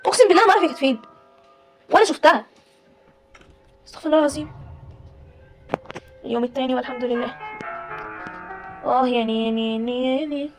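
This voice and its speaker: A woman's voice: high voice, fast, long pauses. A woman with an Egyptian Arabic accent giving chatty, jokey commentary on a horror game, often pleading with the game and talking to it. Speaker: gaming YouTuber. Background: game music.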